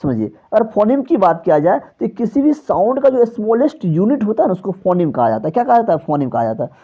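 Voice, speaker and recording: A male teacher delivers an exam-prep lecture, posing his own questions and answering them, his pitch dropping at the ends of phrases. He talks fast with big pitch swings and a dark tone, on a slightly dull, lo-fi recording.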